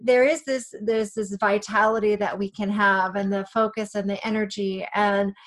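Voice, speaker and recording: A woman hosting a podcast interview, talking in an animated way and laughing easily. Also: mid-range voice, moderate pace. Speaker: podcast host.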